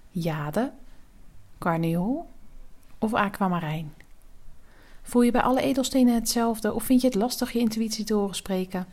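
Casting: woman podcast host and tarot reader, medium pitch, calm, measured scripted narration aimed at one listener.

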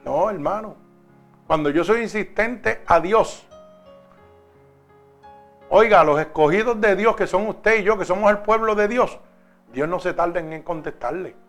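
A man's voice: high voice, unhurried, pauses often, fairly bright tone, faint music behind. A man preaching a sermon, stretching out key phrases and telling stories in an emphatic cadence.

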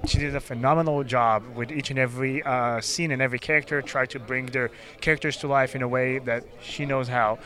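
A man's voice: mid-range voice, fairly even intonation, fairly quick, few pauses, pushed and bright. A man, a film director, talking earnestly about his film, with many fillers. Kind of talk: casual interview.

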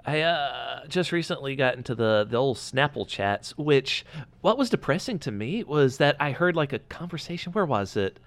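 A man co-hosting a casual podcast, easygoing and rambling, thinking out loud as he talks. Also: mid-range voice, animated, normal speed, no room sound. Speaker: podcast co-host. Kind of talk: casual chat.

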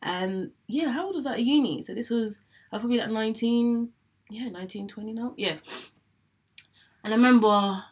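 Her voice a little high, brisk and slightly rough, a young Englishwoman vlogs about her illness, pausing often. Chatty and candid, she tells her own story to camera, repeating herself and dramatizing what went through her mind back then.

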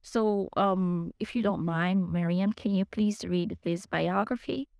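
A young woman with a French accent hosts a casual podcast chat, speaking hesitantly with many fillers and restarts. Her voice is fairly low, unhurried and a little mellow. The studio sound is clean and dry.

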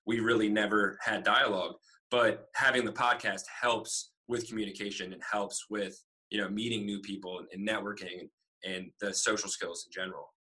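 A man's voice: fairly low pitch, fairly even intonation, moderate pace, pushed and bright, low-quality recording. A young man co-hosting a podcast in casual chat, rambling and using "like" often. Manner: rambling, filler-heavy with "like". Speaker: podcast co-host.

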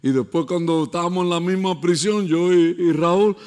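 A pastor preaching a sermon and telling stories, dropping to a hush and then building to shouts. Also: male voice, high-pitched, normal speed, smooth. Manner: storytelling, swinging from hushed to shouting.

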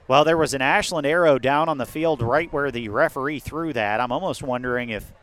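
A man with an American accent doing live football play-by-play outdoors atop a windy press box, lifting into excitement on big plays. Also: mid-range voice, brisk. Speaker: play-by-play sports announcer. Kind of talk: live American football radio-style commentary. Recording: windy outdoor stadium broadcast.

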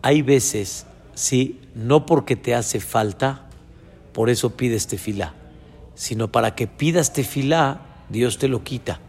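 A man, a rabbi giving an animated sermon who acts out little dialogues. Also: mid-range voice, slow, breathy edge. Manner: animated, acts out dialogues between father and son. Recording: long hall reverb.

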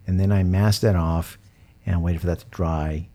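Deep, mellow-voiced man hosting a podcast. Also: steady tone, moderate pace. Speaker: podcast host. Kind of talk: casual hobby chat.

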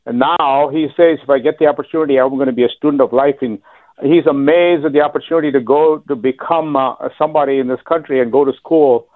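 A man's voice: mid-range voice, fast, no room sound. Guy from minnesota calling into radio, rambly and friendly, thin dry phone line. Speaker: radio caller, teacher. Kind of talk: phone-in chat.

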